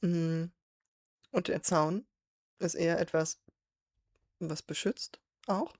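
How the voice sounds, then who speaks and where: A woman's voice: on the low side, fairly even intonation, slow pace, a little mellow, no echo, studio quality. A woman hosting a song reaction, thinking aloud as she explains the lyrics line by line. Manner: thoughtful, reflective, with fillers. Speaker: reaction video host.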